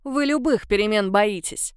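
A woman's voice: medium pitch, moderate pace, clear, resonant tone, dry recording, studio quality, close to an everyday voice. A woman voicing a bold, defiant young huntress who answers curtly. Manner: curt, defiant.

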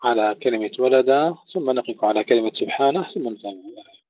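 A man's voice: mid-range voice, fast talker, darkish tone, dry recording, muffled recording. A man teaching Quran recitation rules, explaining precisely and repeating words to show correct pronunciation. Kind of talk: tajweed lesson explanation.

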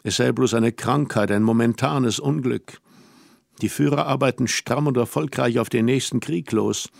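A wise and melancholy young woman speaks earnestly, weighing each word with slow, deliberate pauses, as a male audiobook reader gives her voice. The voice has a gravelly edge and sits close and dry. It is a storybook reading. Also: mid-range voice, no room sound. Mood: pensive. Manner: measured, reflective, slow emphatic pauses.

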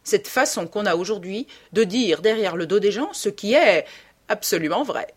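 A woman's voice: mid-range voice, animated, normal speed, breathy edge. A woman reading a dry, ironic aristocratic wit. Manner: dry, epigrammatic delivery. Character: witty cynical aristocratic gentleman, languid and ironic. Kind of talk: audiobook character reading.

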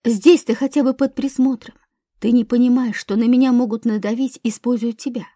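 A woman's voice: a little high, fairly even intonation, a little fast, mellow, dry recording, clean studio sound, close to an everyday voice. A woman voicing a stern, commanding, possessive young man in an audiobook. She does not shift far from her own voice for him.

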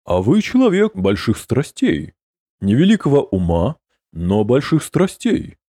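A man voicing an old male demon innkeeper who sighs and mocks his guests in a drawn-out, amused way. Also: mid-range voice, huge pitch swings, warm tone, no room sound, clean studio sound, pitched above the performer's own voice, exaggerated voice. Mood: mocking.

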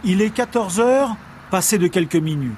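High-voiced male news narrator. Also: animated, a little mellow. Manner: measured, formal news delivery. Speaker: news reporter.

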